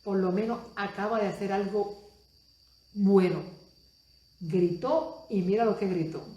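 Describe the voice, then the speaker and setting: A woman preacher delivering a Spanish-language sermon, moving between soft asides and loud exclamations and asking the audience many questions. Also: mid-range voice, measured pace, reverberant, highs cut off.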